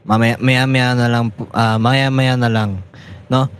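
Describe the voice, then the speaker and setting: A Filipino-accented man in his twenties hosts an internet radio talk show, rambling loosely and informally through a sign-off while mixing in English phrases. His medium-pitched voice is clear and resonant, with a flat, unhurried delivery.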